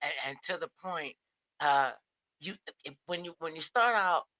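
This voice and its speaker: A woman's voice: low voice, moderate pace, no echo. A middle-aged woman co-hosting a casual chat, telling stories and acting out quoted voices with many restarts. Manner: storytelling, animated quoting, frequent restarts. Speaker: co-host.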